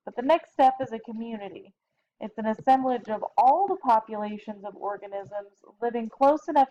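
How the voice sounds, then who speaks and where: A tired biology teacher, yawning, gives a chatty recorded lecture from home in a fairly high-pitched voice with a dark tone. She corrects herself and adds casual asides, and the dull, lo-fi home recording carries faint noise.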